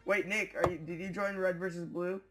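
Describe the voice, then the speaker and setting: A man's voice: sits high, level tone, normal speed, loud music behind the voice. A teenage boy hosting a gaming video, rambling and joking with friends on a headset mic. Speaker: gaming channel host. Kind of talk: casual gaming chat with friends.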